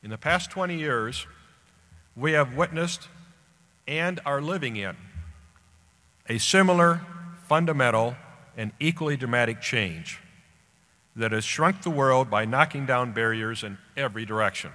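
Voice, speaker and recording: The recording, echoey with hall PA sound, captures an American man of about 70 giving a scripted commencement address from a podium on a large indoor auditorium stage. He is the graduation's guest speaker, with a mid-range, sharp-toned voice and deliberate, emphatic phrasing.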